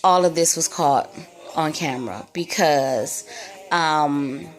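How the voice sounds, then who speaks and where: A young woman tells a story from her own life in a loose, rambling way, and she keeps leaning on "like" and "you know." She talks slowly in a fairly low voice. Faint music plays behind her. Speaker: vlogger telling a personal story. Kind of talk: casual storytime retelling.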